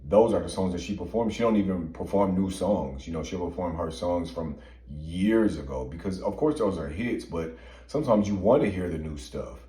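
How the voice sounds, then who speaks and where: A man's voice: low voice, moderate pace, dark tone, roomy sound. A man co-hosting a music commentary show, giving earnest, emphatic opinions with plenty of fillers. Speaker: podcast co-host. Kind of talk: casual chat.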